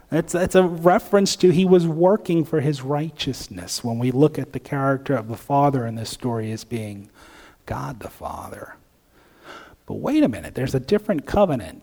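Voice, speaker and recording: A man's voice: a little high, a little mellow. A man preaching a sermon in an earnest way, with hesitant fillers and restarts, sometimes acting out imagined inner voices. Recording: long reverb of a large hall.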